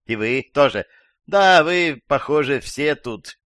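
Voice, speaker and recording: Man doing a raised, shrill old woman witness, suspicious and excitable, dry close audiobook sound. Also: takes it slowly, no echo. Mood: agitated. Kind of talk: audiobook character voice.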